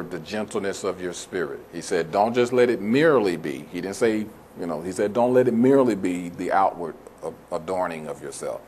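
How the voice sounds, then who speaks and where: A man's voice: sits low, a little hiss or hum. A man preaching a sermon as pastor, stressing key words and stretching out phrases for emphasis.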